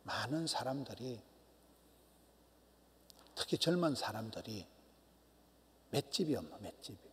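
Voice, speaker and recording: A middle-aged man, a pastor, preaching a sermon emphatically, swinging from loud cries to hushed near-whispers. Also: medium pitch, animated, a little slow. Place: church sanctuary. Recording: long church hall reverb.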